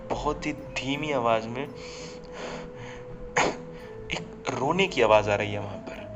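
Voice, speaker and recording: A man casually telling a horror story, talking directly to listeners, on a slightly muffled recording. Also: mid-range voice. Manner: conversational, addresses listeners directly.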